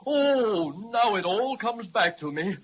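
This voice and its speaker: The Crazy Quilt Dragon, high and husky. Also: male voice, lively intonation, takes it slowly, heavily acted. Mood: bewildered. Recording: dull lo-fi 1930s radio recording.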